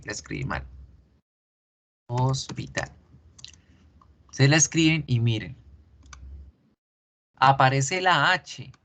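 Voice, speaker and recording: Male teacher, unhurried and deliberate, repeats model words for practice. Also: mid-range voice, fairly bright tone. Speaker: English teacher. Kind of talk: pronunciation lesson.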